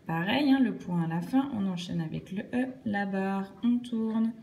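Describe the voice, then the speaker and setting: A woman teaching children cursive handwriting, explaining each stroke slowly and patiently, step by step. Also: medium pitch, warm tone, a little hiss or hum.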